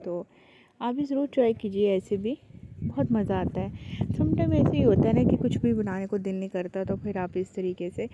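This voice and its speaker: A woman narrating her cooking vlog in a chatty, homely way. She talks slowly and carefully. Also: medium pitch, highs cut off. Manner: chatty, homely, deliberately slow and careful delivery. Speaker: cooking vlogger and mother. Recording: loud background noise throughout.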